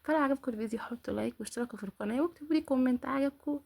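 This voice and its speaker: A woman's voice: high-pitched, racing, vocal fry, a little mellow, husky. A woman with an Egyptian accent hosting a reaction video, mocking what she watches and talking straight to her viewers. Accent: Egyptian Arabic. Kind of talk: casual reaction commentary.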